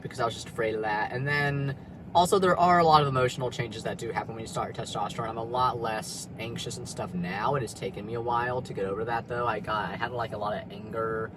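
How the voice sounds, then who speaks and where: A young man sits in his car in a parking lot and vlogs candidly at a medium pitch, rambling and confessional with many fillers and swear words. Noise fills the background.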